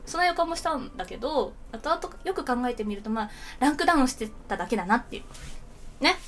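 A woman in her twenties, a streamer telling a story in casual chat, animated and often laughing. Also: high-pitched, quick pace, slight background noise.

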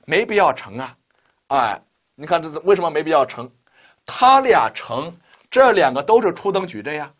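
A man with a fairly high voice teaches a linear algebra lesson. He talks students through each step and keeps asking them rhetorical questions. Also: big pitch swings, moderate pace, fairly bright tone. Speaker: math teacher. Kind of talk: chalkboard-style linear algebra lecture.

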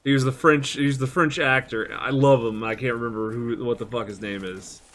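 A man in his thirties hosts a let's play, rambling and cracking crude jokes as he games in casual chat. His mid-range voice runs a little fast, with a fairly bright tone and fairly even intonation.

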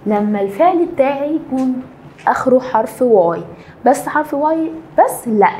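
A young Egyptian woman teaching an English grammar lesson, explaining patiently and repeating key words slowly. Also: high voice, expressive, a little mellow, a little hiss or hum. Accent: Egyptian Arabic.

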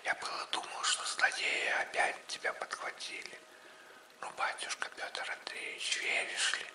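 A man's voice: unhurried, bright, forceful tone, roomy sound. A man voicing a fussy, devoted old manservant in an audiobook, as whispered role-play right in your ear. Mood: indignant, relieved.

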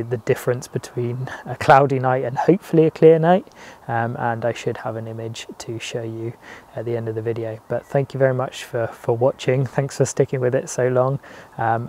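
A British man talking casually to camera about his telescope and nights outdoors, relaxed and hesitant with frequent ums. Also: mid-range voice, slight background noise. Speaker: astrophotography YouTuber. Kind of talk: casual vlog talk to camera.

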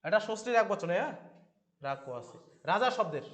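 Man, Bengali accent, very high pitch, classroom teacher, repeats key words. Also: expressive, a little fast, a bit bright. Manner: asks questions and answers them himself, repeats key words. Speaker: Sanskrit teacher. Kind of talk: classroom lesson explaining translation.

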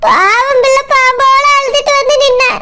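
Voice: very high voice, steady tone, normal speed. A performer voicing a grieving middle-aged village woman with a Tirunelveli Tamil accent, who tearfully pleads with her sister-in-law. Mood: tearful pleading. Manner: tearful, pleading, keeps saying "maini". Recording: loud background noise.

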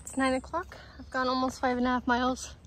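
High-voiced woman out hiking, chatting to her phone as she walks in the woods, laid back. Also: fast, noisy background. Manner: relaxed, chatty, thinking aloud while walking. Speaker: long-distance hiker vlogging. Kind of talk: casual spoken trail diary. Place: outdoors on a forest trail.

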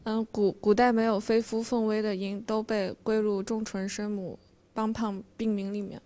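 A woman's voice: mid-range voice, level tone, moderate pace, warm tone. A woman student in a classroom, reciting her answer to the teacher's question.

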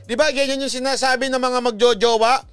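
A man's voice: extremely high pitch, steady tone, brisk, a bit bright, clean tone, soft background music. A man giving casual comic commentary on clips, joking and chatting with his viewers.

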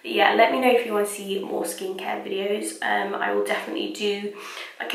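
A woman's voice: a little high, distant mic. A young woman reviewing skincare in loose, chatty vlog talk, full of "like" and "kind of". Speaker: beauty vlogger. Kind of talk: casual skincare review chat. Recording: echoey room, mic set back.

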